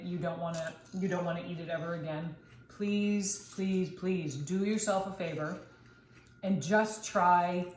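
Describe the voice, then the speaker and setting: A woman hosting a casual cooking vlog from a kitchen, talking with gushing enthusiasm about her cafe's food. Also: lowish voice. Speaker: cafe owner and cooking video host. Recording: echoey room, faint noise.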